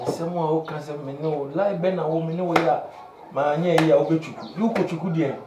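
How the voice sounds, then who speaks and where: A man's voice: on the high side, fairly even intonation, fast talker, close to an everyday voice. An actor with a Ghanaian accent playing a young man who argues and reasons with a demanding woman. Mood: defensive. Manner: reasoning, defensive, mixing in English. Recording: echoey, distant mic, noisy background.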